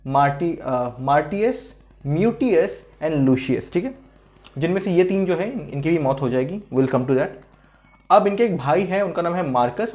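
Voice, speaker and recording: A man with a slightly high voice talks through a story as a relaxed teacher. He keeps checking in with his listeners and restarts when a name slips. The recording sounds dull and lo-fi. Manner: chatty, frequent "hai na" and "theek hai" check-ins; hesitant restarts while recalling names. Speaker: literature teacher. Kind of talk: casual explanatory lesson.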